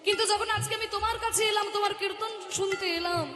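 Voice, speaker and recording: A woman giving a devotional kirtan sermon on a live stage, speaking quickly and pleadingly between sung verses. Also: extremely high pitch, steady tone. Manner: fast, pleading storytelling, sung lines. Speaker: kirtan singer and preacher. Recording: echoey hall with music. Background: accompanying music.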